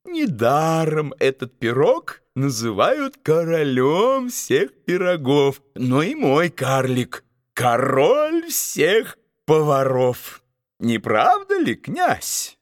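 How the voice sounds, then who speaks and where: A high, shrill duke, bellowing threats and bragging about his honour, in a storybook reading, as a male narrator puts him on. The voice swings wildly and sits close and dry on the mic. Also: huge pitch swings, slow, dry recording, full character voice. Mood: boastful. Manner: shouting, threatening. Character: hot-tempered boastful duke, male adult.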